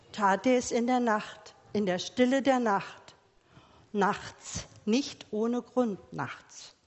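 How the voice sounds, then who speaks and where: A woman preaching a gentle sermon to a congregation with children, asking many quiet questions. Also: fairly high pitch. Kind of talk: slow sermon for church and children. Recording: long reverb of a church hall.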